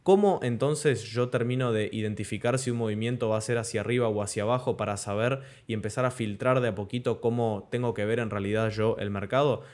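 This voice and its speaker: Young male trading tutor, patient explainer on webcam, slows on key terms. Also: lowish voice, steady tone, darkish tone. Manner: explanatory, checks in with "¿ok?" and "¿de acuerdo?". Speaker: crypto trading instructor. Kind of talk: screen-share chart tutorial. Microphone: webcam in corner of screen recording.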